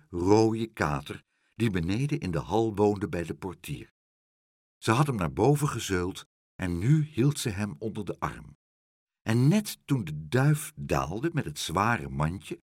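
Husky guy reading a kids story, super lively voice, dry close sound. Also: fairly low pitch, no room sound. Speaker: narrator. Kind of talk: reading a children's story aloud.

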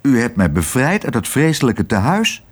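A man's voice: medium pitch, very animated, normal speed, breathy edge. A man reading aloud, voicing a cheerful, grateful male cook and father.

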